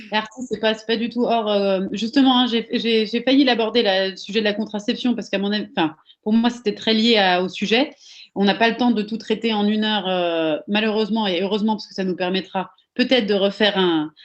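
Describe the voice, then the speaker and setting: A woman's voice: medium pitch, steady tone, a little fast, lo-fi sound. A woman hosting a live online discussion, rephrasing and repeating herself hesitantly as she moderates. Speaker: discussion host.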